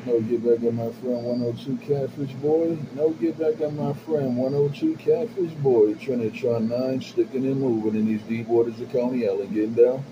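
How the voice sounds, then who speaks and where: A man's voice: medium pitch, steady tone, moderate pace, hardly any pauses. A man talking over a CB radio from his base station, calling out his handle with rhythmic, repetitive sign-offs. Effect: CB radio transmission. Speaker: CB radio operator. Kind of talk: CB radio chatter with repeated handle call-outs. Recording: muffled radio with static hiss.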